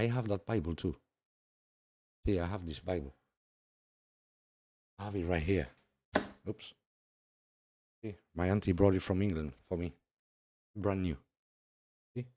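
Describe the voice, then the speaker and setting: Deep, dark-voiced man discussing scripture. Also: dry recording, clean studio sound. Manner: reads scripture aloud, laughs often, repeats "see". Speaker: religious video host. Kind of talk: casual religious commentary.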